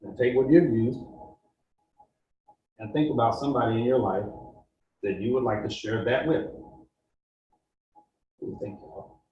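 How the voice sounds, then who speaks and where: A man leads listeners through a guided meditation, speaking slowly and calmly at an ordinary pitch. He sits back from the microphone, and the room adds a roomy echo around his voice. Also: distant mic, lo-fi sound. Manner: slow, calm, coaching listeners step by step. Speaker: pastor.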